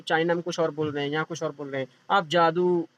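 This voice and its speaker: A man's voice: on the high side, steady tone, fairly bright tone. A male teacher giving an exam-prep lecture, repeating each point and answering his own questions. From India.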